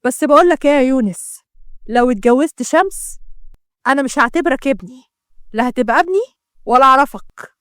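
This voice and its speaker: A woman's voice: high-pitched, expressive, brisk, long pauses, a bit bright, no room sound, studio quality. A woman voicing a stern, sorrowful middle-aged uncle with an Egyptian accent. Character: grieving stern middle-aged uncle, disowning his son.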